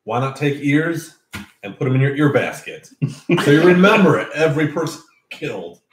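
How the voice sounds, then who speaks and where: A man playing a party game with friends, giving a mock-serious, matter-of-fact pitch for a joke product. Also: expressive, normal speed, slight background noise. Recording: roomy echo.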